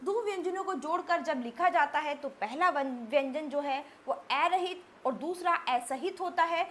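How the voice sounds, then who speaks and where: Woman teacher, high voice, step-by-step lesson delivery, faint noise behind. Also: moderate pace, fairly bright tone. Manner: explains step by step, often checks in with "thik hai". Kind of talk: classroom grammar lesson.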